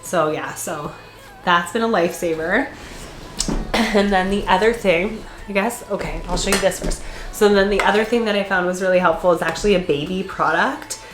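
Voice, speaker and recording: With faint music in the background, a woman vlogger with a stuffed-up, congested voice chats casually to her camera at a normal speed, laughing often. Her voice is low for a woman, and it echoes around the room.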